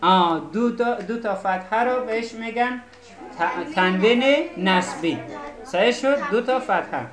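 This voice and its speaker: A woman's voice: mid-range voice, a crowd in the background. A woman teaching a class, patiently explaining and often asking if the students follow. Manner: patient, keeps checking students understand. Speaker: Arabic teacher. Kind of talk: classroom lesson. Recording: echoey classroom.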